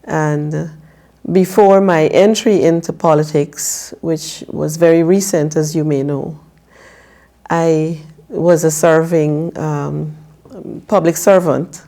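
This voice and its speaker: Slow, low-voiced woman in her fifties. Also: fairly even intonation, dark tone. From Guyana. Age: 50s. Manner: measured, careful, with frequent filler pauses. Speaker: political candidate guest. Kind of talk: formal interview answers. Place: TV studio.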